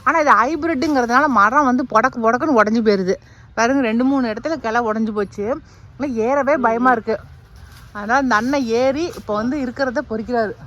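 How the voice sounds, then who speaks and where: Young woman vlogger, slightly high voice, chatty, speaks to viewers while walking a farm outdoors. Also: fairly quick, a bit bright, highs cut off. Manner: chatty, addresses viewers directly. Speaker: village vlogger. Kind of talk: casual farm vlog narration.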